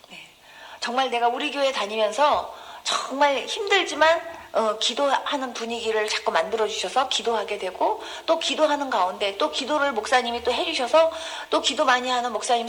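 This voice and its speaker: A woman's voice: expressive, brisk, a bit bright. Emotive woman pastor giving testimony. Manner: emotive, acts out dialogue with sudden high gasps and cries; addresses congregation directly with questions. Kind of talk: testimony sermon. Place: church.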